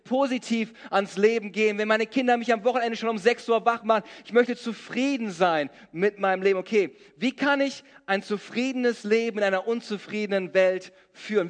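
A middle-aged man from Germany preaching a sermon, mixing scripture with humorous stories about his own life. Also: sits high. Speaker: pastor. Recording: long reverb of a large hall.

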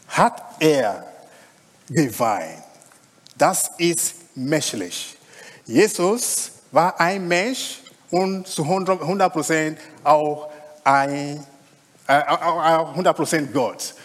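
High, lively preacher in a hall. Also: male voice. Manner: conversational preaching, frequent "ja?" tag questions. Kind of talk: sermon.

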